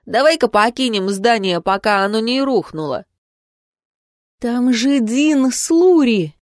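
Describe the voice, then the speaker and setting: A woman voicing a caring, eager young male student who speaks quickly and reassuringly in an audiobook. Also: on the high side, expressive, dry recording, clean studio sound, voice pushed up.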